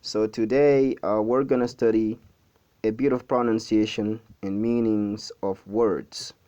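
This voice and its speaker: Male teacher, patient pronunciation lesson, repeats words, self-correcting, deep warm voice. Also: fairly even intonation, takes it slowly, clear, resonant tone. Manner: patient, repeats each word several times, with frequent fillers and self-corrections. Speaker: language teacher.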